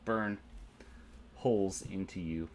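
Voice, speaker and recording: A man's voice: low voice, slow pace, slight background noise. A man narrating a tabletop game as game master, methodically explaining rules and dice rolls.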